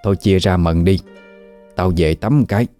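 A man voicing a sharp-tongued old village shaman woman who gives stern commands. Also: sits low, normal speed, soft background music, natural voice.

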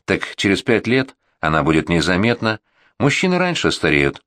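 A man's voice: deep voice, huge pitch swings, normal speed, a bit bright, no room sound, full character voice. A man voicing a lovesick eighteen-year-old youth who pleads earnestly and insistently, in a storybook reading. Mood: pleading.

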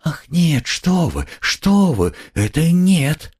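A man's voice: mid-range voice, lively intonation, unhurried, slightly rough, voice pushed up. A man voicing a timid, pious poor young woman who pleads in a trembling, tearful way. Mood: pleading. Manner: trembling, tearful, eager to defend.

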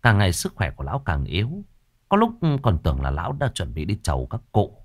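A man's voice: sits low, wildly swooping pitch, fairly quick, husky. A man narrating a scripted story in a dramatic storytelling manner.

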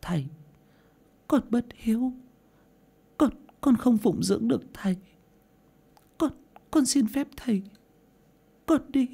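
Sad young village girl, woman voicing, halting, tearful, highish voice. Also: expressive, gravelly, mellow, slightly rough, exaggerated voice.

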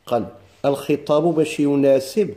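A man with a Moroccan Arabic accent teaching a class on Quranic recitation, explaining step by step, chanting verses slowly and quizzing his students. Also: fairly high pitch, dark tone. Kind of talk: classroom lesson on Quranic readings.

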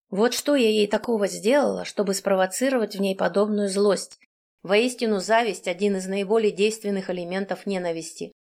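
Female audiobook narrator, first-person story, reads with emotional tension, mid-range voice. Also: mid-range voice.

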